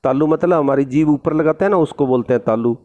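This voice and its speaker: A man's voice: fairly high pitch, quick pace, mellow, dull audio. A man teaching a recorded Hindi grammar lesson, reading a textbook line and then explaining it in plain everyday words, with a Rajasthani Hindi accent.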